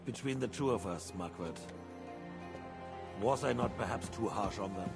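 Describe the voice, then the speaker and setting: A man's voice: fairly low pitch, normal speed, creaky, over music. An actor playing an imperious, embittered medieval king in a video game drama, speaking in a haughty, formal, commanding way. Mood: brooding, confiding.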